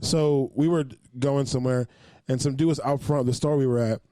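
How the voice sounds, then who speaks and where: Animated young man telling a story. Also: mid-range voice, fairly quick, dry recording, studio quality. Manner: animated storyteller, swears freely. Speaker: podcast co-host. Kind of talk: casual chat.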